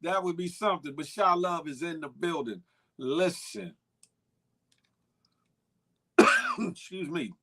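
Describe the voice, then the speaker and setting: High, bright-voiced man hosting a live stream. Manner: animated, shouts out viewers' names in the chat; loose and conversational, repeats catchphrases. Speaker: live-stream talk show host. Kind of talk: casual live-stream chat greeting viewers.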